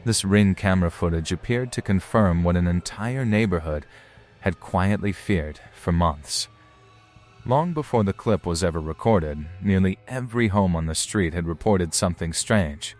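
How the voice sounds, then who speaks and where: A man with a deep-set voice narrates scripted suspense. He speaks in a deliberate, ominous storytelling manner, as a narrator laying out mysterious incidents. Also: lively intonation, darkish tone, faint music behind. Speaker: narrator of paranormal footage compilation.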